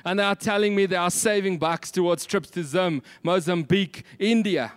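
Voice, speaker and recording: A man's voice: high-pitched, normal speed, smooth, no echo. A man with a South African Afrikaans accent preaching a sermon, emphatic, with repeated phrases and rhetorical questions.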